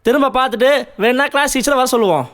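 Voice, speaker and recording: An actor playing a calm, formal school headmaster. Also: male voice, extremely high pitch, rapid-fire.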